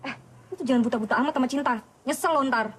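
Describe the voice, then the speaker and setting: A woman's voice: sits high, racing, fairly bright tone. An actress playing a defiant young female student at a boarding school, talking bluntly in street slang and picking fights. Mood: confrontational. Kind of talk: film drama.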